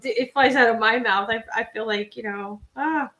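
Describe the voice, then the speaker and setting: A woman's voice: fairly high pitch, normal speed, pushed and bright, rough recording. Rambling, giggly woman co-host. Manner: rambling, giggly, self-deprecating. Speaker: podcast co-host. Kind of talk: casual live-stream chat.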